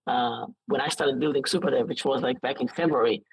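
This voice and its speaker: This is a casual interview guest, a late-twenties man with an Israeli accent who speaks haltingly and keeps restarting. His mid-range voice sounds husky. There's no room sound, though the recording quality is low.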